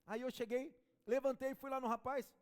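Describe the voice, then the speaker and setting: A male pastor preaches in a fairly high voice. He tells stories and banters with his congregation in a lively way. His voice rings with the long reverb of a church hall. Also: a little fast, clear, resonant tone. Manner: storytelling, animated, chatting with the congregation. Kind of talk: sermon.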